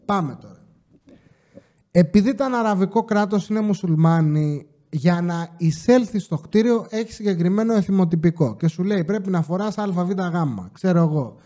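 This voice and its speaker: Man with a warm, high voice telling stories. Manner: swears casually, quotes people in exasperated retellings. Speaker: podcast host telling stories from his security job. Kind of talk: casual storytelling monologue.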